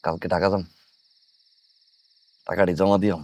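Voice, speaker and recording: An actor playing a young husband who married for money, talking bluntly and offhandedly in a TV drama. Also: male voice, low voice, flat delivery, unhurried, creaky, a little mellow, dry recording. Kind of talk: TV drama acting.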